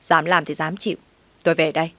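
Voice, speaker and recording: A cold, curt young husband in a spoken story who scolds and shuts others down, read by a woman. The voice sits low and sounds close and dry. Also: level tone, quick pace, dry recording.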